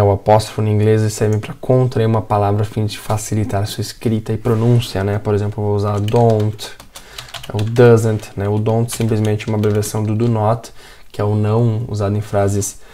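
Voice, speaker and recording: A young man leads an online lesson with a warm, mellow voice. He explains step by step, dropping frequent tag questions and fillers as he goes. His pitch sits in the middle of the range. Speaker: English teacher.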